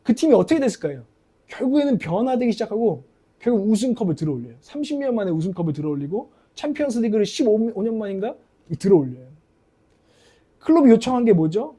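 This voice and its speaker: A man delivers a sermon in an animated, storytelling way. His voice sits high and swings widely in pitch. The tone is deep-toned and mellow rather than bright. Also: fast talker, husky. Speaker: pastor.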